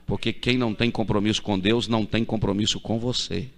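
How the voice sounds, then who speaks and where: A middle-aged man with a deep voice, preaching a sermon as pastor, moving from quiet storytelling to loud repeated proclamations. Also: fairly even intonation, a little fast, creaky. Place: church. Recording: church hall reverb.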